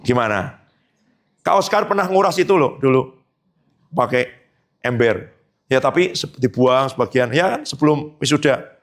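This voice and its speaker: A man's voice: medium pitch, animated, moderate pace, pauses often. A man preaching a conversational sermon as pastor, rising into emphatic peaks and acting out quoted dialogue.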